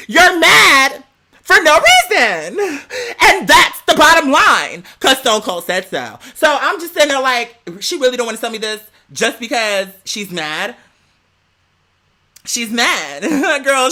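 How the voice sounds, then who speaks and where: In a high-pitched, sharp voice, a vlog host dishes a personal story with gossipy animation. She is sassy, slangy and emphatic, sprinkles in "girl," and plays out the dialogue like a performance.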